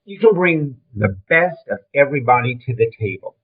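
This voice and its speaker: A film trailer and design veteran, an older man with a Brooklyn accent, reminisces as an interview guest in an animated, brisk, mid-range voice with a breathy edge. His tone is emphatic, blunt and conversational, and the audio is thin, like a phone call.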